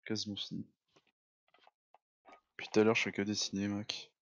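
A man joking around with his gaming squad over voice chat, playful and quick with a jab. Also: on the low side, completely flat delivery, fairly bright tone, dull audio. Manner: jokey, playful.

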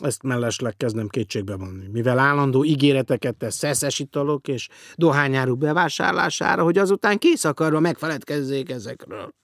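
A man voicing a dry, sarcastic, demanding gray-haired man in an audiobook, with a gravelly voice. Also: mid-range voice, few pauses, fairly bright tone, no echo, pitched above the performer's own voice. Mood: sardonic. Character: sardonic gray-haired man claiming to be dead. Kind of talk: audiobook character voice.

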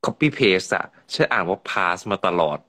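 Lively low-voiced young man teasing. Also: measured pace. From Thailand. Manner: teasing, argumentative banter. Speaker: livestream co-host. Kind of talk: casual livestream chat. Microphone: phone.

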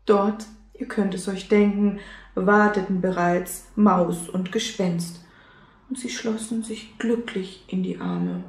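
A woman reading a children's story aloud and speaking gently to the young listeners. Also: mid-range voice, expressive, slow. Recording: roomy echo.

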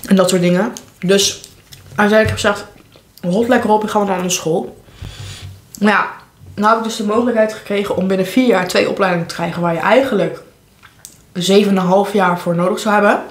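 A woman's voice: mid-range voice, fairly even intonation, quick pace. Young adult female vlogger, candid mukbang chat, mid-range voice, roomy home recording. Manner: candid, informal, talking between bites. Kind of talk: casual chat while eating, mukbang vlog. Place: living room at home, indoors. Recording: echoey room, clear background noise.

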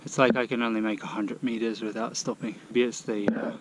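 A breathless young man vlogs his cycling climb, talking in strained bursts between breaths. He speaks into an action camera on the bike, out on an open mountain road. Loud wind and road noise roar over the voice. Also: fairly low pitch, little pitch movement, fairly quick. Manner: strained, panting self-talk between climbs. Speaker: vlogger.

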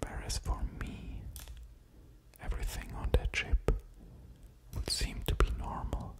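In a small quiet room in his home, an ASMR creator in his thirties explains physics through a slow, deliberate whispered lecture. He is extremely close to two studio condenser microphones fitted with pop filters and positioned at the ear.

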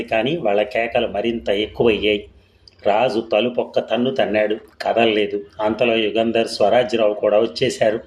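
A man reading a ghost story aloud in a steady, scripted storytelling way. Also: mid-range voice, reverberant, low-quality recording. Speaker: narrator. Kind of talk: scripted audiobook narration.

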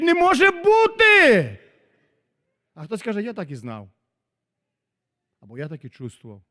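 A man preaching a sermon as a pastor, dramatic, swinging from loud exclamations to very soft asides. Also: extremely high pitch. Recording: long hall reverb.

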